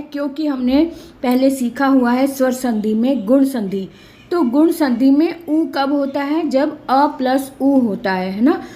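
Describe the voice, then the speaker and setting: A woman's voice: high-pitched, a little mellow. A woman teaching a grammar lesson to students, explaining patiently and checking they follow. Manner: patient, explanatory, checks understanding with tag questions; reads examples out slowly and clearly. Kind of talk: classroom-style grammar lesson.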